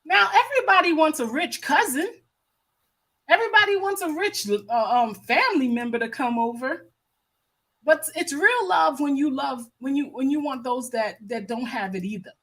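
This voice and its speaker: An American woman hosting a livestream speaks in a high, expressive, fairly bright voice at normal speed. Her commentary is casual and impassioned, and she's emphatic, often repeating phrases to drive a point home.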